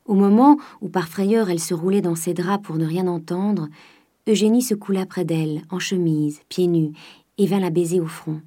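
Mellow-voiced woman reading a classic novel. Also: lowish voice, normal speed. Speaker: audiobook reader. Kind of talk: literary audiobook narration.

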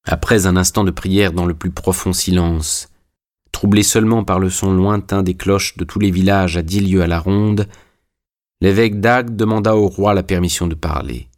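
Low-voiced man reading a classic novel. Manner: measured, even, storytelling. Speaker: audiobook narrator. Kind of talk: scripted literary narration.

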